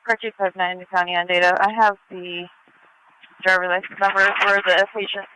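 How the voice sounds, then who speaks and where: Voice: mid-range voice, flat delivery, brisk. An emergency dispatcher on an ambulance and fire radio channel, speaking tersely and procedurally and reading numbers digit by digit over two-way radio. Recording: noisy, clicking emergency scanner radio.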